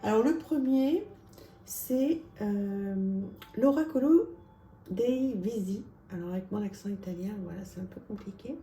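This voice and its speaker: A woman presenting oracle card decks in a casual, chatty vlog, with lots of small pauses and fillers. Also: medium pitch, gravelly, mellow, roomy sound. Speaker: tarot and oracle card reviewer.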